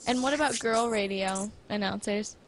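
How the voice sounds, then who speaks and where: A woman's voice: mid-range voice, normal speed, a crowd in the background. A young woman chatting casually with her father, asking him eager questions. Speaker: daughter of the host. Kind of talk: casual chat.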